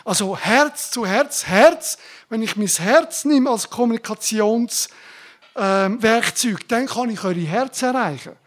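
Woman preacher, higher-pitched, fervent and informal sermon delivery with exclamations. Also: a little slow. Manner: fervent, exclaiming bursts of praise; addresses congregation directly, informal.

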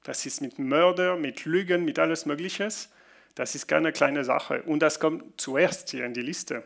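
Guy preaching, kinda gravelly, a bit high, stops and restarts a lot. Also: steady tone, fairly bright tone. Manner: halting non-native German with restarts, reads Bible passages slowly. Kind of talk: sermon.

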